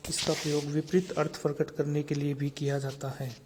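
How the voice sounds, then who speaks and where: A man's voice: on the high side, little pitch movement, normal speed, noisy background. A man teaching a grammar lesson for exam preparation, listing terms steadily and repeating key words.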